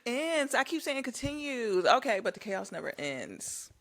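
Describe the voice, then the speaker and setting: A woman's voice: fairly high pitch, sing-song, normal speed, a bit bright, no room sound. A woman co-hosting a podcast in casual chat, blunt and teasing, with slangy phrasing. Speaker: podcast co-host.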